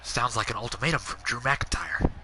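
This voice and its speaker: A man's voice: medium pitch, a little fast, background noise. A man co-commentating over a wrestling video game with short, wry quips. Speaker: gaming co-commentator. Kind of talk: casual chat over gameplay.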